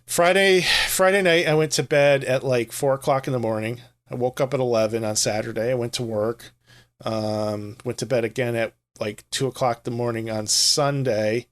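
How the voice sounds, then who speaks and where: A man's voice: mid-range voice, steady tone, moderate pace. A tired man co-hosting a gaming podcast, rambling casually with self-deprecating humor. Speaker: podcast co-host. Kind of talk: casual chat.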